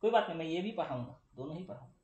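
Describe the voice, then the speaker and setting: A man's voice: fairly high pitch, expressive, rapid-fire, a little mellow, lo-fi sound. A young male physics teacher, lecturing chattily and answering his own questions for the students. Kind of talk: classroom lecture. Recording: echoey room.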